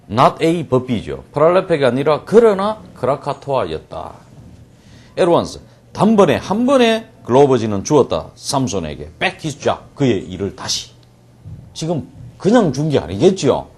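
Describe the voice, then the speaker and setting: Male English-reading teacher, husky, lively pitch, jokey lecture with acted-out asides. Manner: jokey, acts out scenes with quick asides and laughs. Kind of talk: lecture translating a story line by line.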